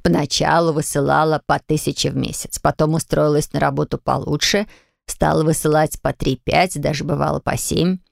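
A woman reading an audiobook, voicing a shrewd, steady old grandmother who speaks slowly and deliberately. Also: deep voice, vocal fry, dry recording, clean studio sound. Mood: sly. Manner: slow, measured, knowing.

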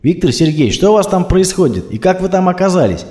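A man's voice: sits high, very animated, fast talker, mellow, pitched above the performer's own voice. A polished male radio presenter, voiced by the reader, delivering traffic news in a lifted announcer's tone. The recording has a roomy echo. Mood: announcing.

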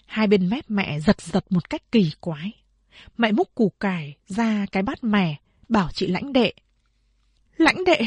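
Husky-voiced woman narrating a novel. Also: medium pitch, mellow, dry recording. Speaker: audiobook narrator.

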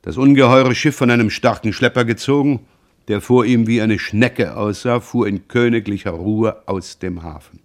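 A man reading a novel aloud for radio in a measured, expressive narrating style. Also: fairly low pitch. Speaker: audiobook reader.

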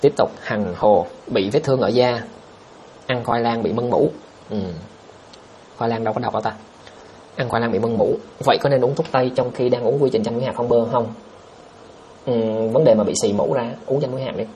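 A man hosts a casual livestream, reading viewer comments aloud and answering them bluntly, with a scoffing edge. He talks at a brisk, rapid clip. A faint hum of background noise sits under his voice. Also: mid-range voice, dark tone.

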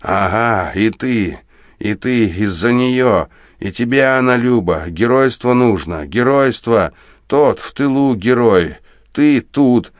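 A man voicing a frenzied, hysterical young soldier who shouts hoarsely in an audiobook. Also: low voice, a little slow, no echo, studio quality. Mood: frantic. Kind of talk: audiobook character voice.

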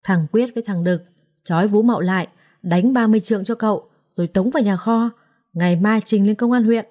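Woman doing a stern young master, curt, commanding, mellow tone, audio story. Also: mid-range voice, fairly quick, lightly acted. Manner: curt orders.

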